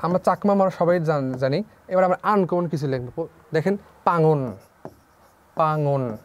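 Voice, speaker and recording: A man's voice: on the high side, a little slow, lo-fi sound. A young man teaching an online class, asking questions and repeating the key figures back to his students.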